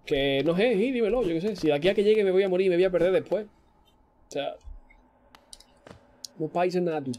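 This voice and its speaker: Chatty and joking, a young Spanish streamer from Spain talks to his chat while giving casual commentary on the game he's playing. His high-sitting voice has a dark tone, and he speaks fairly quickly but pauses often.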